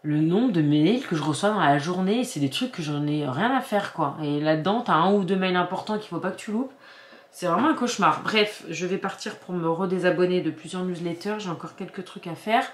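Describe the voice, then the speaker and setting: A woman's voice: fairly low pitch, brisk. A woman from France in her forties, chatting casually as a vlogger at home, rambling with many restarts and fillers. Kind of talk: casual chat. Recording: echoey room.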